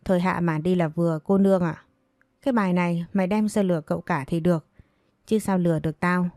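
A woman's voice: lowish voice, fairly even intonation, fast talker, darkish tone, no room sound, lightly acted. Cunning, mocking maid, read by a woman storyteller; dry close sound. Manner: teasing, mocking. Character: cunning young maid, mocking, sharp-tongued.

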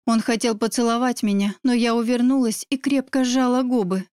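Woman reading an audiobook, dramatic and emotive, smooth highish voice. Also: steady tone, fairly quick, a little mellow, dry recording, studio quality. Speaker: narrator. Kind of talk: first-person audiobook narration.

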